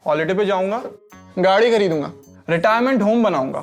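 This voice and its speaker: A woman's voice: mid-range voice, lively intonation, brisk, natural voice. Laid-back young dude in a cartoon ad, teasing, chill, woman doing the voice. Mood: carefree. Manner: breezy, teasing, code-switching Hindi and English. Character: carefree young man, fun-first, slacker. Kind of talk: animated ad dialogue. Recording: light music behind.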